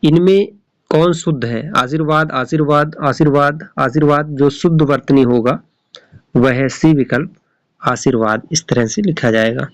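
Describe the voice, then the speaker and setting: A man's voice: a little high, moderate pace, no room sound. A man tutoring for a Hindi exam, reading each question and its options aloud, then repeating the right answer.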